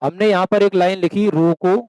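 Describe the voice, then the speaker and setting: Male coaching-class teacher, high voice, dry close sound, quizzes students and answers himself. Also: fairly even intonation, normal speed, mellow, clear, resonant tone, dry recording, low-quality recording. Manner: calls students beta, asks and answers own questions; slips into rural dialect for examples. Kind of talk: classroom lecture.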